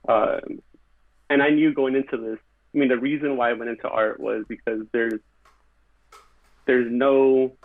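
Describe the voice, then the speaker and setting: The guest is a male background painter from California on a podcast, his medium-pitched voice steady and a little slow, broken by long pauses. He speaks earnestly and reflectively in short phrases full of fillers, keeping the conversation casual. The recording is dry, coming through a tinny, phone-like line.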